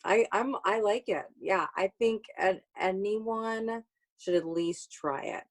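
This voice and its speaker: A woman talk show guest who gives her opinion in a measured, hesitant way with many fillers. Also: mid-range voice. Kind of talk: casual talk show chat.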